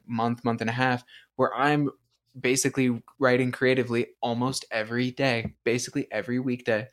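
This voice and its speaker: A young man co-hosting a podcast in casual chat, excitable and rambling, swearing freely. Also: medium pitch. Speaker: podcast co-host.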